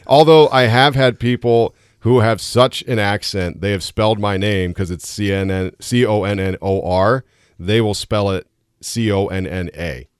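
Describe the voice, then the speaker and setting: Low-voiced young man with a Rhode Island accent. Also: a bit bright, clear, resonant tone, no echo, studio quality. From southern Rhode Island. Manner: friendly, chatty, laughs easily. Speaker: guest, baseball broadcaster. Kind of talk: casual radio interview. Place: radio studio.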